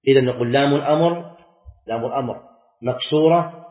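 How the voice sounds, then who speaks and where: A middle-aged man, teaching a class, reciting verses slowly and quizzing students with short questions. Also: medium pitch. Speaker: Islamic scholar teaching a class. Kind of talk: classroom lecture on Arabic grammar and scripture. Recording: echoey, dull lecture-hall recording.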